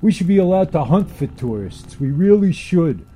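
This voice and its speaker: A man's voice: on the high side, sing-song, normal speed, dark tone, breathy edge, pitched above the performer's own voice. Man doing a snarling New York grouch. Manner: snarling, muttering. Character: rude grumpy New York man, adult.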